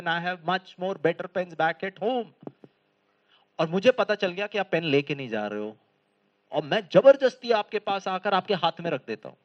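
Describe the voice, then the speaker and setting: Slightly dull, lo-fi audio captures a spiritual lecturer in a lecture hall, his high voice lively and talkative. He keeps his motivational talk moving with humorous anecdotes and rapid questions for the audience.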